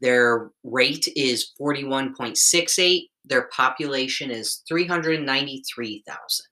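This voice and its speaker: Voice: mid-range voice, unhurried, bright, forceful tone, rough recording. A podcast host presenting a top ten countdown in a conversational way, reading out figures and adding chatty asides. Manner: reads figures out, then adds chatty asides with tag questions.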